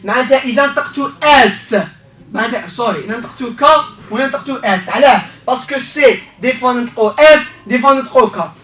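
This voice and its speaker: A man with an Algerian accent teaches an exam revision lesson at a rapid clip, his voice bright and sharp. He explains each rule step by step and keeps checking that students follow. The sound is roomy and he stands back from the mic. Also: very high-pitched, far from the mic. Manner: explains step by step, asks "okay?" often. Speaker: English teacher.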